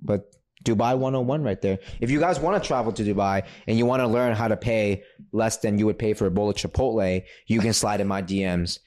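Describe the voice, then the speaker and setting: A fairly low-voiced man from New York talking on a casual podcast. He swears freely and tells stories in a brash, animated way, going from quick jokes to slower, deliberate explanations of running a business. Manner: brash, profane, animated storytelling. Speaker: podcast guest, credit repair entrepreneur.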